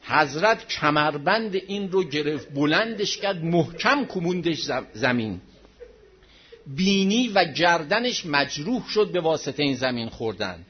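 Husky man preaching with dramatic swings. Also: big pitch swings. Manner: swings between loud outcries and low hushed passages. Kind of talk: dramatic religious storytelling sermon. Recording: dull lo-fi recording.

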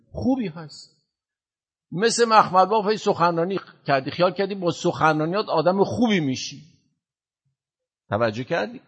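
A man giving a sermon, telling a story in a lively way, rising loud and dropping low. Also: breathy edge. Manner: animated, swings from loud to hushed. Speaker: preacher. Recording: dull lo-fi sound.

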